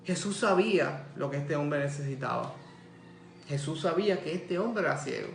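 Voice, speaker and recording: A man with a Puerto Rican Spanish accent preaching a sermon in a church, impassioned and rising to loud cries. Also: fairly high pitch, animated, moderate pace, gravelly, a little hiss or hum. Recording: echoey church room with faint ambience.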